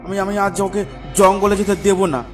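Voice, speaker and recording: A man's voice: high voice, flat delivery, normal speed, distant mic, over music, natural voice. A man voicing an anxious village father in a cartoon, stammering and fretful.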